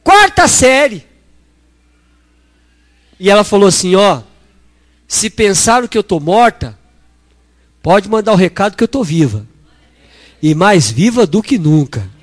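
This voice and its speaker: A Brazilian preacher, a middle-aged man, swings his high voice up and down as he acts out story dialogue for the congregation. The sound is close and dry. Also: measured pace, pauses often, no room sound. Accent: Brazilian Portuguese. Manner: animated, acts out dialogue, addresses congregation as brothers. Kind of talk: lively sermon with storytelling.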